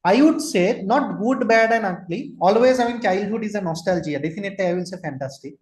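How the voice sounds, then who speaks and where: A man's voice: high-pitched, animated, a little fast. A man in his forties from Kolkata with an Indian English accent, giving an online lecture, asking listeners questions and slipping into Hindi. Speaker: trainer, lecturer. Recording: roomy echo.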